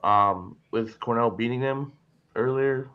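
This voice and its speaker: A man's voice: mid-range voice, measured pace, clean tone, highs cut off. A sleepy man in casual betting chat, reeling off team stats before he makes his pick. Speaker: co-host.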